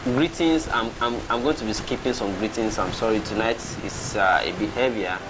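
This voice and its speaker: A man's voice: fairly low pitch, normal speed, background noise. A Nigerian man in his thirties, hosting a casual livestream and reading out viewer comments, chuckling and reacting as he goes. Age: 30s.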